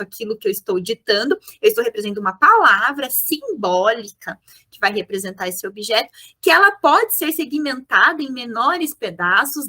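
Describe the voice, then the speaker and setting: Female teacher, high animated voice, bright tone, patient explainer. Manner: didactic, checks in with "tá?" and "né?". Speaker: teacher educator. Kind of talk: explanatory video lesson.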